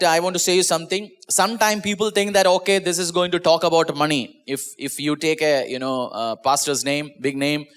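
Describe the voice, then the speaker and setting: A male pastor with a higher-pitched voice preaches an online sermon in Indian English from a small church. His first language is Malayalam, and he speaks earnestly, repeating and restarting words and letting his pitch drop at the ends of phrases.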